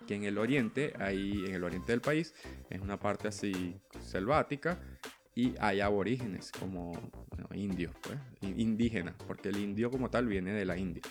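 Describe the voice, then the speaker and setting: A man's voice: fairly low pitch, moderate pace, faint music behind. A Venezuelan man hosting a podcast, talking in a casual, rambling monologue full of fillers and restarts. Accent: Venezuelan Spanish. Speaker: podcast host.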